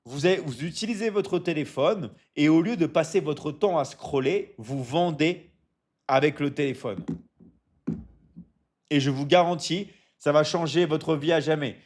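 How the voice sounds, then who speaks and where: Male live-stream host, slightly high-pitched, motivational coach tone, repetitive and halting. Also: darkish tone. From Michigan. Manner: repeats "d'accord?" often, stumbles and restarts, coaching tone; reads out viewer comments and answers them. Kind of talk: casual live stream chat.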